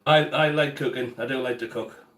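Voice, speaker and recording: A man with a steady, medium-pitched, somewhat bright voice talks at normal speed as he cooks on a casual home livestream, replying to viewers by name. His kitchen has an echoey sound.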